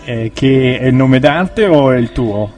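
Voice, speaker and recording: A man's voice: mid-range voice, expressive, measured pace, a little mellow, faint music behind. A man hosting a casual radio interview, asking short questions and giving many brief acknowledgements. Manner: brief friendly prompts, many short backchannels. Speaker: radio host.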